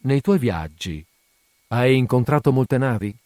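A man's voice: mid-range voice, animated, moderate pace, no echo, studio quality, pitched above the performer's own voice, lightly acted. A man reading aloud, voicing a wary young woman from a harbor tavern who speaks hesitantly and guardedly. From from Perpignan (figure). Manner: hesitant, quiet, guarded questioning.

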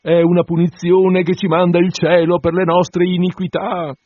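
Guy putting on a high giggly sucking-up church clerk, squeaky and sly, dull dry sound. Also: completely flat delivery, moderate pace, no echo. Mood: weary. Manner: giggly, fawning. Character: sly, giggling parish clerk, grown man, eager flatterer.

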